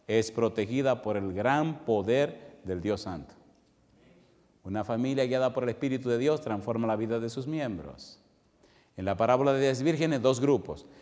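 A man preaching a sermon, firing rhetorical questions at the congregation and telling stories that swing from loud to hushed. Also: medium pitch. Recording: long hall reverb.

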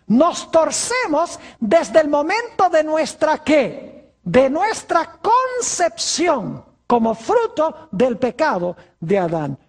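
A preacher giving a sermon, asking rhetorical questions and answering them, stretching key words slowly. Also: high-pitched.

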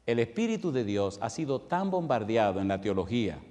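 A man preaching a sermon, firing rhetorical questions at the congregation and telling stories that swing from loud to hushed. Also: mid-range voice, very animated, brisk. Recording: long hall reverb.

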